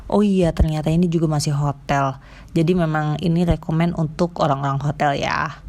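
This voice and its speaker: A woman's voice: sits low, fairly even intonation, moderate pace, gravelly, a little mellow. A young woman with an Indonesian accent explaining things casually to viewers, chatty and informal, often correcting herself. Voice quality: slight trouble pronouncing some sounds. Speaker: vlogger giving job advice.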